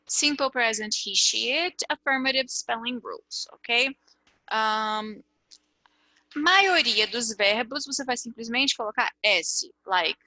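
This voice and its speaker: A woman's voice: fairly high pitch, pushed and bright, dry recording. A Brazilian woman teaching English grammar in an online lesson, explaining step by step and often checking with "ok?". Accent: Brazilian Portuguese.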